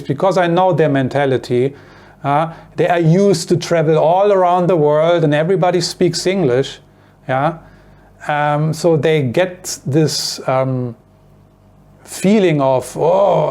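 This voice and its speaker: His voice sits a little high with a darkish tone, and his strong German accent reflects his mother tongue. As a vlogger addressing the camera casually, he wanders and repeats himself, peppering his speech with fillers, "you know," and "right?"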